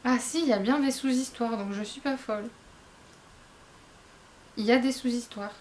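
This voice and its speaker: A woman's voice: on the high side, moderate pace, a little hiss or hum. Chatty, rambling woman reviewing manga. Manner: rambling and hesitant, many fillers, frank asides; chatty, addresses viewers directly. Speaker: manga reviewer, book blogger. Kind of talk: casual spoken review.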